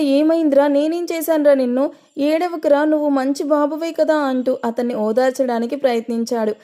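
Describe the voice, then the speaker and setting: A woman narrating an audio story in a gentle, expressive way, her voice strained from long recording. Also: a little high.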